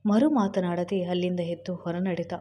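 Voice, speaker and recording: A woman reading a family drama story aloud in a steady storybook manner. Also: fairly low pitch, normal speed. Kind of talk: scripted narration.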